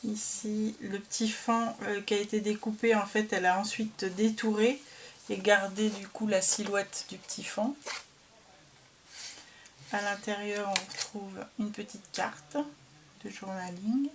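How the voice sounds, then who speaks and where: Woman, unhurried craft vlogger, hesitant with fillers, faint hiss behind. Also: medium pitch, level tone. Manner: slow, hesitant, filled with "euh". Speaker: craft vlogger showing a received album. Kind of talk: casual show-and-tell.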